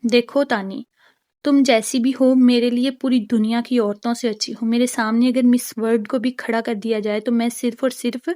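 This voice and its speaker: A woman's voice: fairly high pitch, steady tone, mellow, close to an everyday voice. A woman reading as a firm, devoted young husband. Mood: tender.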